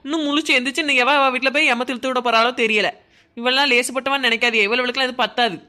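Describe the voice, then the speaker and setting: A woman's voice: high-pitched, fairly even intonation, very fast, bright, forceful tone. Woman as a harsh, quarrelsome village woman. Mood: threatening. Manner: threatening, harsh. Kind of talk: cartoon voice acting.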